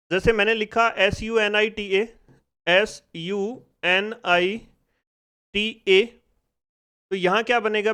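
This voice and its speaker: A man's voice: high-pitched, fairly bright tone, smooth. A man teaching a spoken phonics lesson in speech, asking the class questions and drilling each sound step by step. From India.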